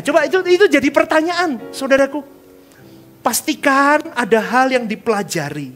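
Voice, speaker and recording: A male pastor giving a lively sermon in church, joking with the congregation and calling for responses, dropping in English words. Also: very high-pitched. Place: church service before a congregation.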